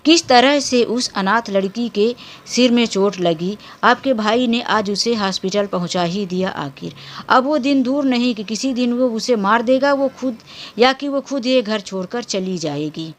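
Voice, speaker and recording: A woman's voice: a little high, a little slow. Woman telling a dramatic family story.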